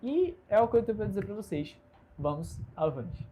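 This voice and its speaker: An entrepreneur in his twenties from Recife hosts his own channel with a solo bedroom livestream, speaking in a Recife Brazilian Portuguese accent and recorded on a smartphone camera. His high, warm voice is very animated at a normal speed, with soft music behind. He chats casually and earnestly, upbeat and self-assured, gesturing a lot.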